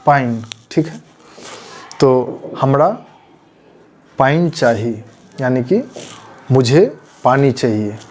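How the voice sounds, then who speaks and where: A man's voice: medium pitch, a little mellow. A man teaching a language lesson, repeating phrases and stressing pronunciation.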